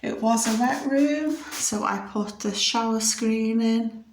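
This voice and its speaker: A woman in her fifties speaks slowly in a voice on the high side, with slight background noise. With a Liverpool accent, this home renovation vlogger chats casually and matter-of-factly, rambling as she shows viewers around inside her house.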